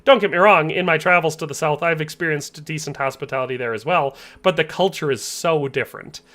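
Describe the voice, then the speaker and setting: Chatty, bright-voiced streamer man. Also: on the high side, a little fast. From US Upper Midwest. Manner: chatty, laughs easily, reads chat aloud. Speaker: game streamer. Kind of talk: casual livestream chat.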